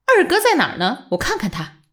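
A woman's voice: high voice, wildly swooping pitch, brisk, voice pushed up. A woman voicing an earnest, curious young man who asks eager questions in a raised voice.

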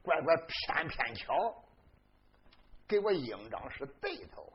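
A boastful old commander bellows and scolds in a high voice that leaps and dives across its whole range, as a storyteller puts him on. The colours every word. The recording sounds dull and lo-fi. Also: male voice, big pitch swings, takes it slowly, full character voice. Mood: musing. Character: boastful old male foreign commander, blustering.

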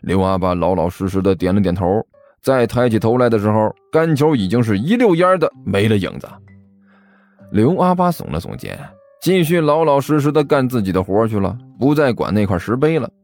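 A man narrating a serialized audiobook story in a lively, expressive way. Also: fairly low pitch, fairly quick, faint music behind.

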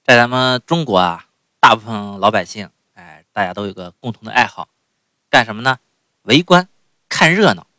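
A man's voice: fairly low pitch, lively intonation, normal speed, sharp tone, dry recording, studio quality. A man telling a comic folk story in a chatty way, often asking the listeners "right?" and tossing in interjections. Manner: chatty, lots of "哎" and "对吧" asides.

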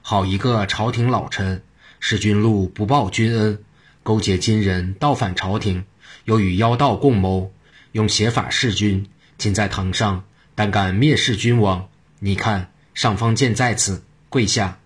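A man voicing a stern, commanding new high judge in a told story. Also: steady tone, a little slow, breathy edge. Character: stern newly appointed male high judge.

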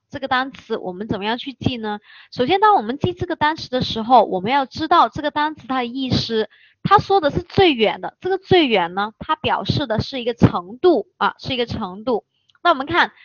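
Woman teacher going over english words, spells them out slow and repeats stuff, high voice, dry kinda muffled recording. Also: a bit bright, no echo. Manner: spells letters out slowly, repeats key words. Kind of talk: vocabulary lesson. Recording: dull, dry close recording.

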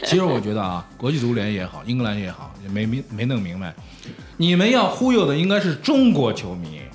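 A man hosting a casual football chat, telling stories in an animated way with laughing asides. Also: medium pitch, brisk, faint music behind.

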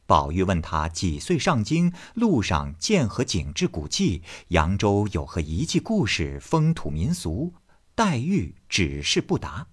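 Male narrator, expressive storybook reading, very animated pitch. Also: unhurried, slightly rough. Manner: expressive, lively voicing.

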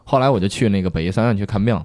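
A young man, a guest on a podcast, telling his own stories in a soft, relaxed way with many small restarts. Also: fairly low pitch, rapid-fire, dry recording, studio quality. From China. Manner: soft-spoken, relaxed storytelling with frequent restarts. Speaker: guest, police officer. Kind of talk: casual podcast chat.

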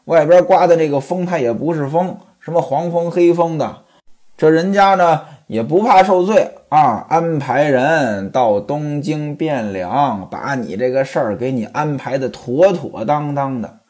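A storyteller voicing a sharp-tongued young wife who scolds her husband at length in a raised, indignant voice. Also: medium pitch, unhurried, natural voice. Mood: scolding. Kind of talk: traditional storytelling voice.

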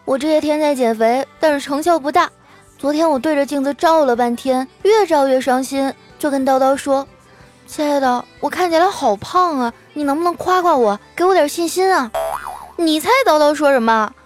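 A woman voicing a sharp-tongued young female coworker who teases and complains in a high, bright voice. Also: expressive, a little fast, soft background music. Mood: aggrieved.

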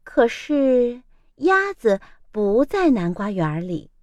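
A woman reading a children's picture book aloud, slow and gently dramatic as she tells the tale. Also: on the high side, big pitch swings, no echo. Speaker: storyteller.

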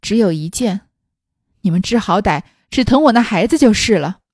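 Xifeng, a woman voicing a bitter sharp-tongued noblewoman. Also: medium pitch, animated, moderate pace, husky, dry recording, clean studio sound. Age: 20s. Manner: scornful, cutting, weary.

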